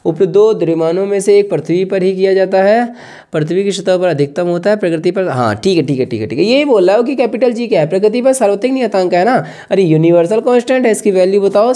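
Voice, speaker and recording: A man teaching an exam-prep class with a mellow, relaxed tone. He explains in a chatty way, asking questions aloud and answering them himself. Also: sits high. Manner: conversational, asks and answers his own questions; calls listeners "bhaiya".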